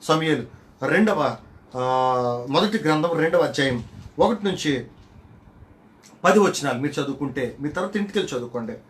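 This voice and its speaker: A man's voice: fairly high pitch, expressive, normal speed, long pauses, slight background noise. Dramatic male pastor preaching. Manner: dramatic storytelling, swings from loud to hushed. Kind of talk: sermon.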